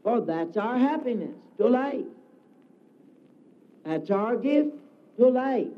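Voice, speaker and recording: A man giving a solemn devotional address, declaiming slowly with emphatic repetition, heard on a dull lo-fi recording. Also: very high voice, animated. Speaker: spiritual speaker.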